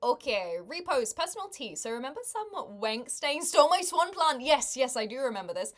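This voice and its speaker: A woman's voice: high-pitched, big pitch swings, moderate pace. A woman, chatting casually with viewers on a livestream, laughing often and making wry asides. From New Zealand. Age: 20s.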